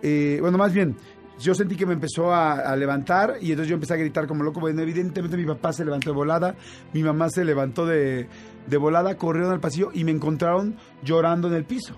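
A man with a Mexican accent telling a personal story in casual chat, animated and full of fillers and restarts. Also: fairly high pitch, fast, faint music behind. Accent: Mexican Spanish.

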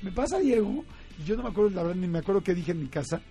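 A man with a Mexican accent telling a story in casual chat, animated, laughing often and acting out quoted voices. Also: high voice, very fast, soft background music. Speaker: guest.

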